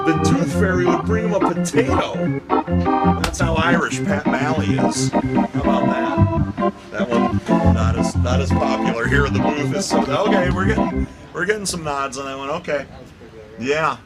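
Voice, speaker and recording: A man calling an amateur hockey game from the booth, roasting players with playful jokes. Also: a little high. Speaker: play-by-play announcer. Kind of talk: joking amateur hockey commentary. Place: rink booth.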